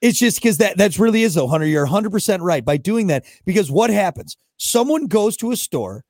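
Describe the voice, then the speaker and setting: A man's voice: high-pitched, fairly quick, no echo. A man co-hosting a podcast, ranting and telling stories in casual banter. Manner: ranting, animated storyteller. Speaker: podcast co-host. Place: podcast studio.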